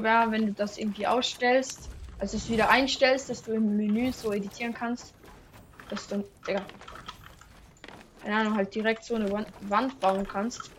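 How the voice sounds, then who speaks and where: Young woman, gaming streamer, casual chatty commentary, slightly high voice, faint noise underneath. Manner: chatty, slangy, many fillers.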